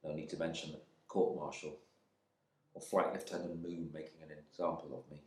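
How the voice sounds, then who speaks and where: In an echoey room, a man with a bass, darkish voice reads a dramatic monologue from a novel, speaking briskly in a level tone. He plays an embittered, proud, resentful English RAF airman imprisoned in India, brooding in clipped phrases with an ashamed, reflective mood.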